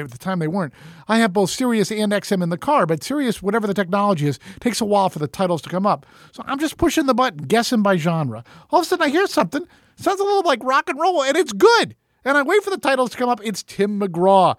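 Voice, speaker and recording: A man with a fairly high voice for his sex rambles through a story on his podcast. He talks in a loose, animated way, swears without a second thought and acts out his own thoughts as he goes. The recording is dry and close, with no room sound. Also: no echo. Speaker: podcast host. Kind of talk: casual storytelling monologue.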